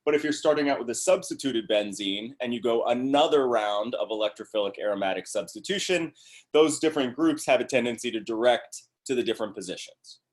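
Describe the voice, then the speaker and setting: A man's voice: mid-range voice, brisk. Upbeat man giving a chemistry lecture. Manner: upbeat, asks the class check questions. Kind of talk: classroom review lecture.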